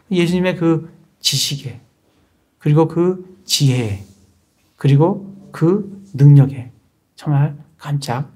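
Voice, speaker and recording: A pastor delivers a sermon in a mellow, warm voice at an ordinary male pitch. He speaks to the congregation conversationally and keeps asking rhetorical questions.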